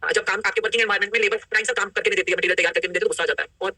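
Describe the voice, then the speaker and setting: A middle-aged woman leading a live online workshop, energetic and coaxing, often putting questions to the group through a laptop mic on a video call. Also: mid-range voice, very fast, breathy edge, no room sound. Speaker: workshop coach.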